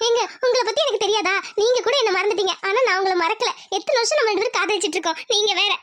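A woman's voice: very high-pitched, racing, fairly bright tone. A woman voicing Tamil Selvi, a young village wife who sulks at her husband, then teases him fondly. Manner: sulky then playful, chiding.

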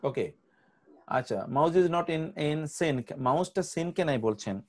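A man's voice: fairly high pitch, lively intonation, takes it slowly. A man teaching an online grammar class, patiently repeating word lists for students to memorize.

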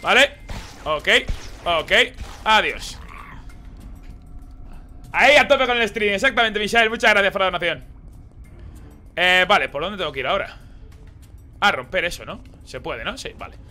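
An excitable man streams a shooter and comments as he plays. His voice sits high and sounds very bright, and it swoops up and down with lively energy. Game music plays faintly behind him. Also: normal speed, pauses often. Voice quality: excitable, swears and blurts reactions. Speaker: gaming streamer. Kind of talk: live gameplay commentary.

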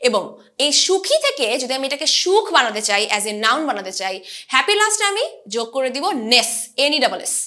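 A young woman gives an online English lesson. Her high, animated voice swings widely in pitch as she slows down to stress each English term. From Bangladesh. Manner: slow, careful stress on English terms, mixing Bengali and English. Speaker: English pronunciation instructor. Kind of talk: online lesson explaining grammar.

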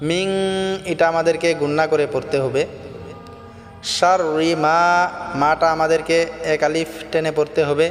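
A man giving a Quran pronunciation lesson, chanting verses slowly and melodically, then explaining quickly in between. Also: a little high, level tone, long reverb tail, faint music behind. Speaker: Quran recitation teacher.

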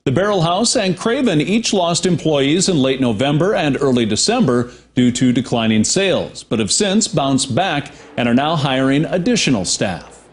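A male news anchor reading scripted local news in a steady, measured way. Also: on the high side.

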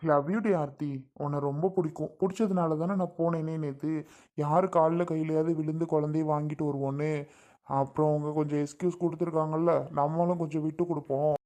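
A man's voice: on the high side, fairly even intonation, a little fast, warm tone, lightly acted. A man playing a young husband and father who is defiant and heated, firing repeated questions, in a family drama skit. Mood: affectionate. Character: young husband, protective and hot-tempered father.

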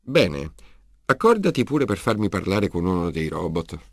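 A man's voice: sits low, big pitch swings, normal speed, no room sound, full character voice. A man voicing a weary male detective in an audiobook, asking dry, probing questions. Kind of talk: audiobook character reading.

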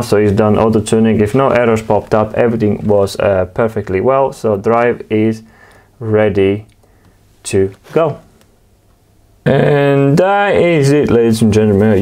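A channel host with a low, warm voice demonstrates his equipment by walking through a drive setup. It's a casual technical demo, and his delivery is informal and halting, full of fillers and restarts.

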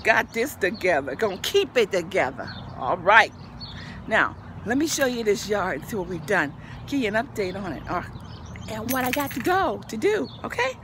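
Filmed on a handheld phone outside, this casual tour of a backyard garden comes from an older woman vlogger whose voice is mid-range and, she says, fading. She talks at a normal speed over a noisy background, cheerfully preaching encouragement in church language.

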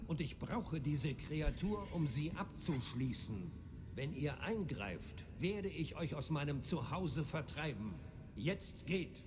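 An imperious male ghost lord speaks in a fairly high voice, formal and commanding. He sounds like an indignant scholar in a fantasy game, with noise clearly behind him. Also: animated, slow. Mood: haughty, stern. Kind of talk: video game voice acting.

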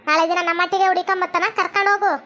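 A woman playing an angry wife in a comedy skit, scolding loudly. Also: very high voice, level tone, very fast. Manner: scolding, loud, insulting.

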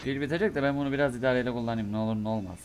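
A young man giving let's play commentary on a horror game, talking to himself and cursing in bursts, his voice going hoarse from a sore throat. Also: medium pitch, very fast. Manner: mutters to himself, curses and reacts in bursts. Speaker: gamer playing a horror game.

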